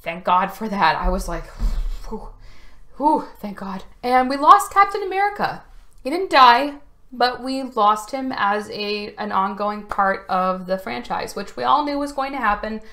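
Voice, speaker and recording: A woman's voice: on the high side, expressive, measured pace, bright, forceful tone. A woman talking casually to camera about a film at home, chatty and getting emotionally choked up at moments. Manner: emotional, chatty, choking up at times. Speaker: video reviewer. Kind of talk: casual chat. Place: home room. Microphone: camera facing speaker.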